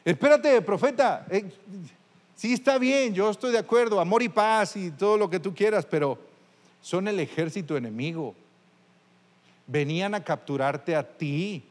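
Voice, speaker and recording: A man delivers a sermon to his congregation, his voice sitting unusually high for a man. He speaks conversationally and keeps turning to his listeners with direct questions. A long hall reverb trails after his words in the church. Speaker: pastor.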